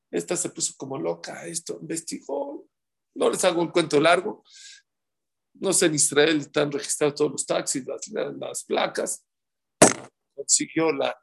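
Gravelly man telling a sermon story. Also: on the high side. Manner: animated storytelling, acts out voices, direct address to audience. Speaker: religious speaker.

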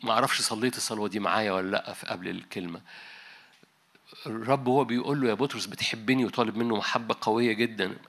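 A man's voice: on the low side, racing, gravelly, fairly bright tone. A man preaching a sermon in an Egyptian Arabic accent, talking conversationally and dropping in English words. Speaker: pastor. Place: large conference hall.

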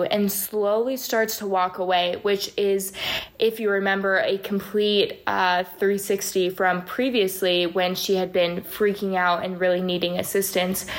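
Woman, interviewee, personal storytelling, even delivery, monotone pitch. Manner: flat, steady storytelling voice with few pitch swings. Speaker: interviewee recounting a paranormal experience.

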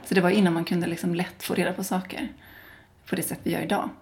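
A woman's voice: on the low side, level tone, darkish tone. A woman from Sweden, a guest in a casual interview, talking at length with many fillers and restarts.

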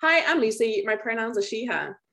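A woman's voice: on the high side, sing-song, fairly quick, sharp tone. A woman co-hosting a podcast, chatting in a friendly, easygoing way. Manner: friendly, chatty, laughs easily. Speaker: podcast co-host. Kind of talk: casual podcast chat.

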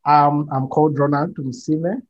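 A man, a podcast guest speaking in measured answers with frequent pauses over a video call. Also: a little high, steady tone, dull audio. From Uganda. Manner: measured, many pauses and fillers. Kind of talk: conversational interview answers.

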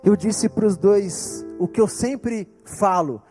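Brazilian pastor guy, high but mellow voice, earnest storytelling sermon, soft music behind. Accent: Brazilian Portuguese. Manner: earnest storytelling, slowing down for emphasis.

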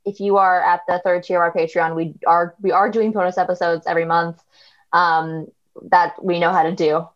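A woman with a low-pitched voice co-hosts a casual podcast. She is laid-back and self-deprecating, and her thoughts wander as she talks. The audio is dull and lo-fi. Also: little pitch movement, normal speed. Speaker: podcast co-host. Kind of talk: casual chat.

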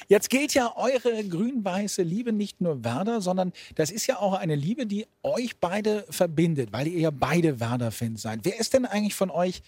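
A man's voice: high-pitched, expressive, measured pace, a little mellow, slightly rough, dry recording. A man interviewing a couple, asking friendly, light questions. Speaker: interviewer, reporter.

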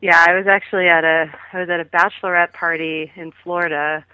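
A woman's voice: lowish voice, flat delivery, brisk, smooth, dry recording. Woman chatting over a tinny phone line. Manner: chatty, rambling with many fillers. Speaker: guest. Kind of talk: casual phone interview. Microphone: phone call.

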